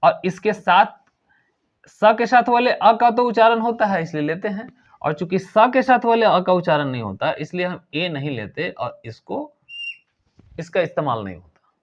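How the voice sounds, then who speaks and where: A man's voice: high-pitched, expressive, normal speed, slight background noise. A man teaching English grammar in a recorded lesson, explaining patiently and repeating key points. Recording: dull lo-fi recording.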